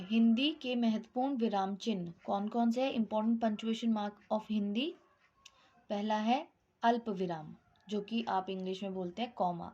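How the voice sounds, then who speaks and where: A woman's voice: mid-range voice, warm tone, highs cut off, slight background noise. A woman teaching a Hindi grammar lesson, explaining step by step, mixing English words into her Hindi and checking with "ठीक".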